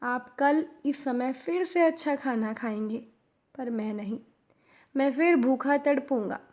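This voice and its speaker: A woman voicing a hungry little street boy who pleads softly and tearfully. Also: sits high, measured pace. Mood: earnest.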